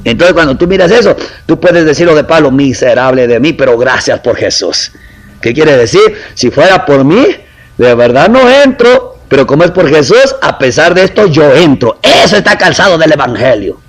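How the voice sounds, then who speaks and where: A man's voice: a little high, expressive, normal speed, low-quality recording. A man preaching a sermon in a conversational way, acting out little quotes and asking the congregation questions.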